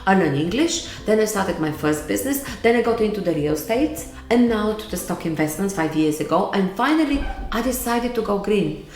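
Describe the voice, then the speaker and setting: A woman's voice: medium pitch, expressive, a little fast, a little mellow, roomy sound. A middle-aged woman from Bulgaria with a Bulgarian accent, giving earnest, emphatic motivational advice to camera and repeating key words. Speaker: vlogger giving life advice.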